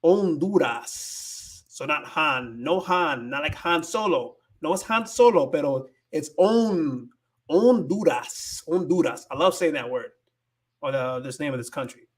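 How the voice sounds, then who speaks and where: Animated and a bit bright, a US man with a slightly high voice speaks slowly while hosting a livestream that teaches Spanish. Casually reading comments from viewers, he alternates languages between Spanish and English and searches for words, stumbling along the way.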